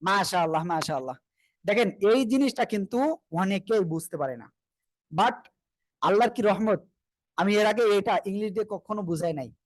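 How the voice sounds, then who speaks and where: A man's voice: high voice, animated, moderate pace, pauses often, dry recording. A man teaching Quran recitation to an online class, patient, drilling pronunciation and asking everyone to repeat together.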